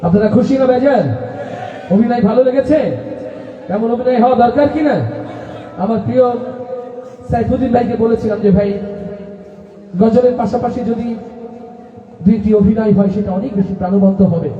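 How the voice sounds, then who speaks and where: A man's voice: very high voice, fairly even intonation, moderate pace, long pauses. A man announcing on stage at a religious gathering, calling out to the crowd in rousing, half-sung lines. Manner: sings lines, chants, calls out to the crowd. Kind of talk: rousing stage hosting with chanted calls. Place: outdoor religious gathering with loudspeakers. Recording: echoey outdoor PA sound, far off, dull.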